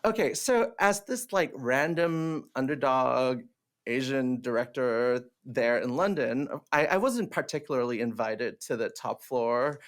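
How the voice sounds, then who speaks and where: A Hong Kong man whose first language is Cantonese, a theatre director, chats on a casual podcast, animated and often laughing, with plenty of fillers and restarts. His voice is medium in pitch and his pace unhurried.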